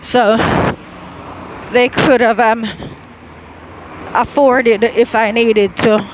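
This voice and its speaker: A woman vlogs into her phone while walking outdoors, slightly breathless. Her talk is slow and unhurried, full of fillers and restarts. Faint traffic hum sits behind her. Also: fairly high pitch, steady tone. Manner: rambling, with many fillers and restarts. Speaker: vlogger. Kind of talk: casual chat while walking.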